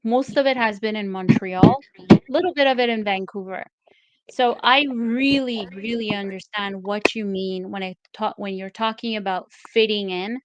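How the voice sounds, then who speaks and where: A woman's voice: mid-range voice, moderate pace, very noisy. A woman from Canada hosting a live interview, speaking in an earnest, encouraging and reflective way. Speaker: host.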